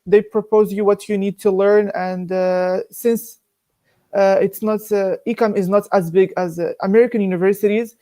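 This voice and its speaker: A man's voice: high-pitched, steady tone, moderate pace, mellow. A young man from Morocco, an engineering student answering interview questions hesitantly, with many fillers.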